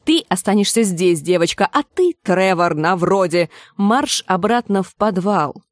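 A woman's voice: medium pitch, lively intonation, dry recording, studio quality, natural voice. Woman doing a bossy, motherly kitchen cook. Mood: scolding. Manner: scolding, brisk, motherly. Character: bossy, kind-hearted young woman cook.

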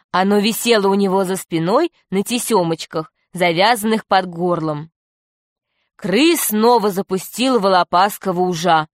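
A woman narrates a children's story for an audiobook. Her voice sits at a middle pitch, and she tells the story in a steady, clear way. The recording is close and dry. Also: dry recording.

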